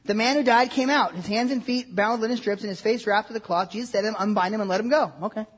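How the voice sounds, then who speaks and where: A woman preaching with a husky voice that has a breathy edge. Her pitch sits in a middle range. She delivers the sermon in an animated way, acting out the scenes and turning to the audience with questions. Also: fast. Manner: animated, acts out the scenes with big shifts in loudness.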